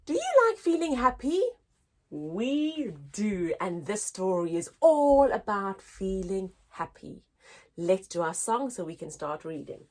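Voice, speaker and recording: Reading a picture book to young children, this story time host uses a mid-range voice. She sounds expressive and measured, much like a teacher.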